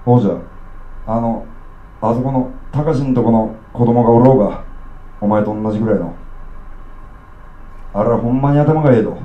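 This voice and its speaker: A gruff, boozy middle-aged uncle, as a man puts him on, rants at a child in thick Okayama dialect. His words come out blunt and rough. The sound is roomy and a little dull, like a lo-fi live recording. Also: medium pitch, moderate pace, pauses often, natural voice. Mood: rambling.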